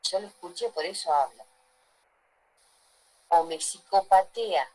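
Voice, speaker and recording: A woman's voice: fairly low pitch, lively intonation, unhurried, darkish tone, rough recording. Woman teacher lecturing a class. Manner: asks the class frequent check-in questions.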